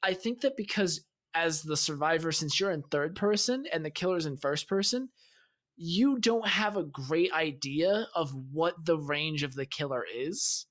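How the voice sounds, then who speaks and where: A man's voice: fairly high pitch, expressive, measured pace, a bit bright. A man co-hosting a gaming podcast, explaining game mechanics analytically in casual chat. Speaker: podcast co-host.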